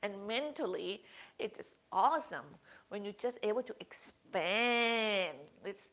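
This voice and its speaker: A woman's voice: medium pitch, expressive, unhurried, a bit bright. A woman yoga teacher speaking earnestly in slightly non-native English, drawing out words for emphasis as she talks and guides breathing.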